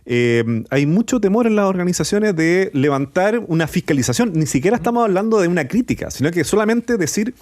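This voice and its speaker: A Chilean man speaks on a radio panel in a measured, hedging way, thinking aloud. His voice sits a bit high for a man, and it is recorded close and dry. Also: very animated, darkish tone, no echo. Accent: Chilean Spanish. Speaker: panel guest.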